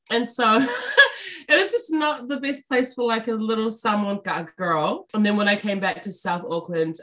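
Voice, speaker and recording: Bubbly and fond of joking, a young New Zealand musician appears as a guest in a relaxed interview chat. Her voice sits at medium pitch with a slightly bright quality. She laughs easily and uses lots of fillers.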